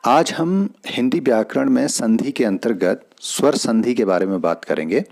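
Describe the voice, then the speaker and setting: A man's voice: mid-range voice, lively intonation, moderate pace, gravelly, darkish tone. A man teaching a grammar lesson, explaining each rule step by step and repeating worked examples.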